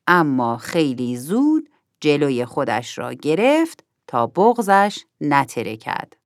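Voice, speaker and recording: A woman reads a children's story aloud, her voice sitting on the lower side and moving through a lively, animated melody. The sound is dry and close to the mic. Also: no room sound.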